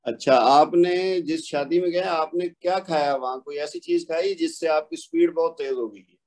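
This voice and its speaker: Man, recitation teacher, high voice, patient, drawn-out demonstrations, video call. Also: a little mellow. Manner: patient, explains slowly, demonstrates stretched recitation syllable by syllable. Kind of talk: online tajweed class instruction.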